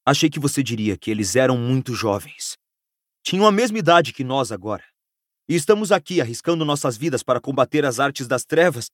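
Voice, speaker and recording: A man's voice: fairly high pitch, no room sound, clean studio sound, natural voice. A man voicing a bitter teenage wizard boy. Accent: Brazilian Portuguese. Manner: bitter, raising voice in outbursts. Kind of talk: audiobook character voice.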